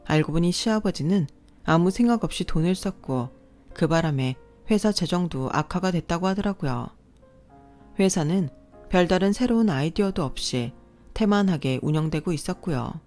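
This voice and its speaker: A woman with a somewhat low voice narrates a first-person family drama story. She tells it in a steady, confiding way, with faint music playing underneath. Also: normal speed.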